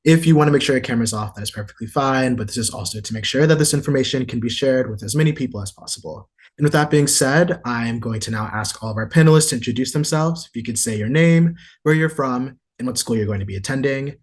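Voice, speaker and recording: A man hosts an online panel, his husky voice moving quickly through introductions and instructions. He keeps an organized, upbeat tone. The sound is that of a video call. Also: medium pitch. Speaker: webinar moderator.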